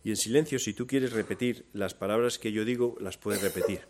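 A man with a Spanish accent from Spain preaching a sermon, moving between loud, lively storytelling and soft, low emphasis. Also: brisk, background noise.

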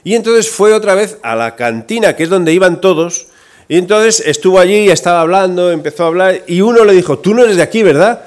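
A man's voice: high-pitched, a little fast. A man with a Spain Spanish accent preaching a sermon, telling a story and acting out its voices with energy. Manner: lively, acts out the voices in his story.

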